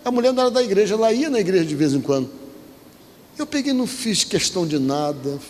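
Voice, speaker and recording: A man's voice: high voice, big pitch swings, fast talker, a little mellow, in a large hall, slight background noise. A man who is a pastor, speaking, telling a personal story as part of a sermon and acting out the voices of the people in it. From Brazil. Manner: storytelling, acts out quoted voices. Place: church.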